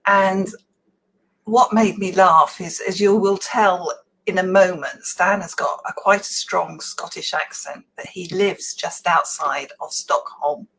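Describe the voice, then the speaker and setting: A woman's voice: lowish voice, takes it slowly, fairly bright tone, a little hiss or hum, poor audio. A woman hosting a casual online interview, introducing her guest in a chatty, informal way. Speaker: host.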